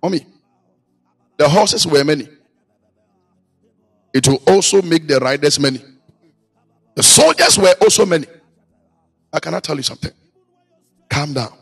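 A male preacher, delivering a sermon in a chanting, sing-song way with repeated lines and shouted peaks. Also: fairly high pitch, slightly rough.

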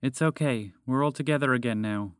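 A man voicing a grown-up mother who speaks in a calm, matter-of-fact way in a children's story. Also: medium pitch, brisk, smooth, no room sound, clean studio sound, lightly acted. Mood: steady.

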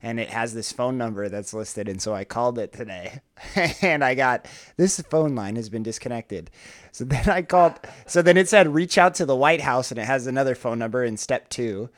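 This podcast co-host, a teacher, has a mid-range voice and normal speed. The talk is casual chat, full of laughter and animated storytelling.

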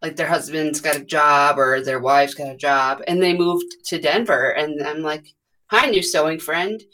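A woman in her thirties from the US Midwest, a podcast guest chatting casually and rambling with many pauses. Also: deep voice, fairly even intonation, a bit bright, slight background noise. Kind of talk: casual conversation.

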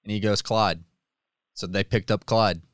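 A man's voice: lowish voice, fairly even intonation, a little fast, fairly bright tone, dry recording, clean studio sound. A laid-back man co-hosting a casual sports talk show, agreeable and informative.

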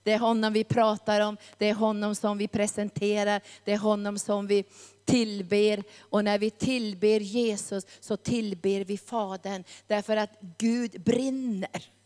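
A woman's voice: medium pitch, little pitch movement, a little mellow, clear, resonant tone. A woman preaching a sermon with a fervent, repetitive cadence. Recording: long hall reverb.

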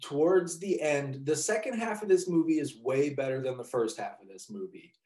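A man's voice: a little high, expressive, moderate pace, a little mellow. A man co-hosting a casual chat about a movie, rambling and laughing often, swearing casually. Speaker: podcast co-host. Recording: echoey room.

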